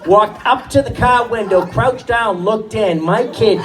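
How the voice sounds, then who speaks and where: A man doing stand-up, telling animated stories about his kids and acting out their voices. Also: sits high, a little slow, a crowd in the background. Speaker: stand-up comedian and father. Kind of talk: stand-up storytelling. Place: comedy stage before a live crowd. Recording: distant stage mic, audience laughing.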